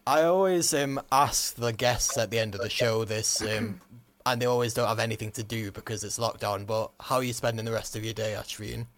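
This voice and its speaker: A man's voice: fairly low pitch, steady tone, fairly quick, fairly bright tone, a little hiss or hum. Dry, teasing quizmaster man. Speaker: podcast host running a quiz. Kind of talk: casual quiz chat.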